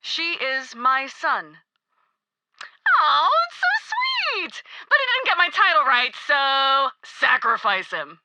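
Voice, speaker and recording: A woman's voice: high voice, big pitch swings, unhurried, few pauses, very noisy. An actress playing a young cult queen in a video game, mocking, sing-song and sweetly menacing. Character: gleeful, cruel young woman cult queen. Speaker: cult leader God Queen.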